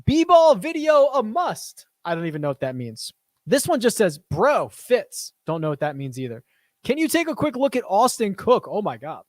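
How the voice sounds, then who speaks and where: A man's voice: sits high, huge pitch swings, moderate pace, dry recording. A man hosting a casual live stream, reading viewer questions aloud and answering off the cuff at his desk.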